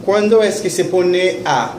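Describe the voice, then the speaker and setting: A man teaching in a classroom, slowly repeating words for students to echo. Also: sits high, a little mellow. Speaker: Haitian Creole teacher. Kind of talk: classroom lesson. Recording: echoey classroom with faint noise.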